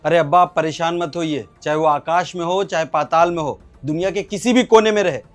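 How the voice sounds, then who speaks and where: An actor playing a hotheaded loyal son who speaks with eager, threatening resolve. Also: male voice, a little high, fairly quick, soft background music, natural voice. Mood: determined. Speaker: actor in a short drama. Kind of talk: Hindi short-film acting.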